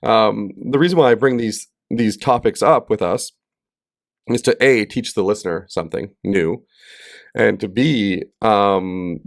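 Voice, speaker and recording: Chatty low-voiced man co-hosting. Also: a little slow, no echo, clean studio sound. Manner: chatty, filler-heavy, teasing. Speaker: podcast co-host. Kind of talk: casual podcast chat.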